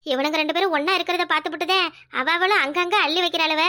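A woman puts on an emotional older village mother for a cartoon, who pleads and scolds. Her voice is strikingly high and bright, and her words come out fast. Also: fairly even intonation. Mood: fond. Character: worried, tearful older village mother and sister. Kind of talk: cartoon voice acting.

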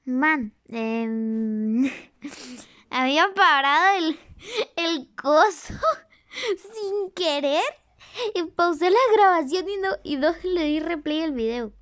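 A YouTuber talks in a put-on cartoonish voice that sits extremely high. The delivery is slow and drawn out. They react excitedly to a video, shouting the same lines again and chatting with viewers. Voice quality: a put-on cartoonish character voice, not the speaker's real one. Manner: exclaims and repeats lines while watching; chatty with the audience, laughs at own slips. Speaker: YouTuber reacting to an animated series.

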